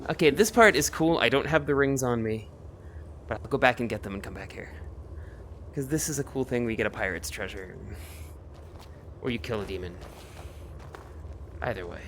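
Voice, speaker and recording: A man's voice: medium pitch, animated, normal speed, pauses often, background noise. Man muttering over his gameplay. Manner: rambling, talks to himself while playing. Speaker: streamer. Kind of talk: casual game commentary.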